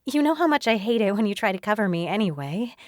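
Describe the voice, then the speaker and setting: A woman voicing a kind young woman friend who speaks in a gentle, reassuring way. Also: mid-range voice, big pitch swings, fast, dry recording, clean studio sound, voice pushed up, close to an everyday voice.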